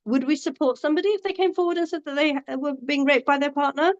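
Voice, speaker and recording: A woman from Bangladesh who works supporting domestic abuse survivors talks passionately, earnestly and emphatically, often restarting her phrases. Her high voice moves at a quick pace with fairly even intonation, on a muffled recording.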